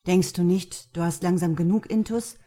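A woman's voice: lowish voice, steady tone, normal speed, warm tone, lightly acted. A woman voicing a stern, guarded young man who speaks firmly and clipped, in an audiobook reading.

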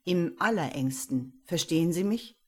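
A woman reading the lines of a calm, businesslike male police commissioner in a crime story. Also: fairly low pitch, moderate pace, slightly rough. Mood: firm.

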